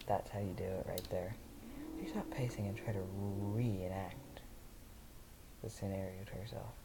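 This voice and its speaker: A young man reading a story aloud in a monotone, breaking off into rambling, self-interrupting casual asides. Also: low voice, normal speed, vocal fry, background noise. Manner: monotone delivery. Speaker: host reading fan fiction aloud.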